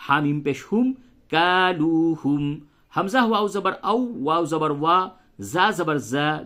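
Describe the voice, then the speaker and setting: A man teaching Quran recitation, patiently spelling letters aloud and reciting verses very slowly. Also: fairly high pitch, bright, forceful tone. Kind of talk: tajweed lesson with slow recitation and spelling.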